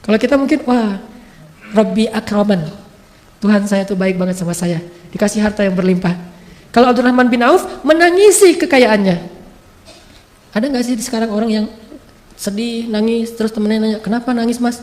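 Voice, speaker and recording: A man's voice: sits high, brisk, long pauses, a little mellow. A man preaching a sermon, telling stories in a casual, joking way and acting out short quotes. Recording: long hall reverb.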